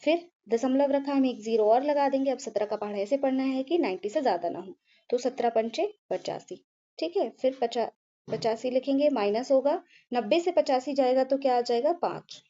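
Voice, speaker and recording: A woman's voice: high voice, moderate pace, warm tone, lo-fi sound. A woman teacher walking through a maths problem step by step, patiently checking in with the class and answering her own questions. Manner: patient, repeats "ठीक है" and asks herself questions.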